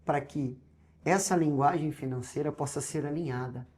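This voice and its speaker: A man with a Brazilian Portuguese accent, a pastor telling a personal testimony in an interview, acting out the dialogue and swinging between loud and hushed. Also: on the high side, moderate pace.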